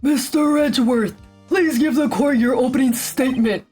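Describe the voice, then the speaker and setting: A woman doing a slow, stately old judge. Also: high-pitched, darkish tone, slightly rough, faint music behind, voice pushed up. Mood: solemn.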